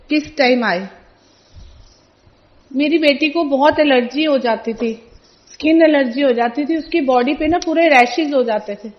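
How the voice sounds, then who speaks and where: A woman's voice: high voice, dull audio. Middle-aged woman telling a devotional story. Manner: storytelling, animated retelling of family events with quoted dialogue. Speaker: devotee sharing testimony. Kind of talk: personal testimony at a satsang.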